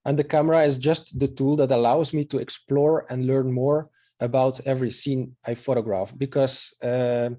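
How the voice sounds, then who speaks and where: Presenting online about his photography, a Belgian man in his thirties speaks with a Belgian Dutch accent, Dutch being his native language. His medium-pitched voice is dark and flat at a normal pace, and his earnest, hesitant delivery is full of filler sounds.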